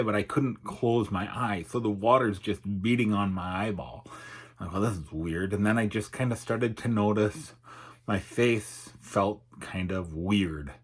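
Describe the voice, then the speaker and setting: A man's voice: fairly low pitch, fairly bright tone, slightly rough. A middle-aged man speaking candidly and hesitantly in an unscripted personal vlog, his articulation slightly altered by a numb face. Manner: halting, reflective, hesitant. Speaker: YouTuber and podcaster.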